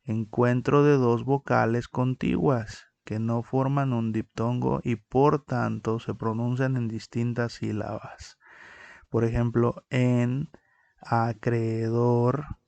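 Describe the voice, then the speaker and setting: Slow, gravelly male teacher. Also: mid-range voice, fairly even intonation, a little mellow, no room sound. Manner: slow, explanatory, counts syllables aloud. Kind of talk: recorded lesson on poetic meter.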